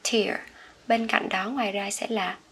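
A woman with a Vietnamese accent teaching English pronunciation, repeating each word slowly for learners. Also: mid-range voice, creaky, fairly bright tone, a little hiss or hum. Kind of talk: slow pronunciation lesson.

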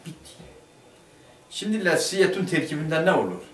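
A man's voice: on the high side, sing-song, normal speed. A man teaching a grammar lesson, asking the class questions and then answering them himself. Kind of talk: Turkish madrasa lesson explaining a grammar text. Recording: roomy classroom picked up from a distance.

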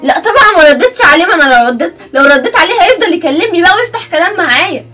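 A woman's voice: very high-pitched, animated, very fast, bright, forceful tone, far from the mic, soft background music, full character voice. A woman with an Egyptian accent playing an agitated young woman who keeps complaining tearfully in a family web drama. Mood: upset. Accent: Egyptian Arabic. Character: upset young woman harassed by a neighbor.

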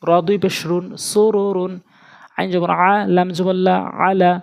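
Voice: medium pitch, unhurried, vocal fry, clear, resonant tone. Bangladeshi teacher chanting spelling drills. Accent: Bangladeshi Bengali. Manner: steady, repetitive sing-song spelling drill. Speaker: Quran reading teacher. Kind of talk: recitation drill lesson.

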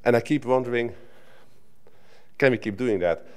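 A man's voice: medium pitch, normal speed, smooth. A middle-aged man from the Netherlands, a native Dutch speaker, giving a conversational conference talk at a lectern, with frequent restarts. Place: conference hall stage at a lectern. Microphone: lectern microphone.

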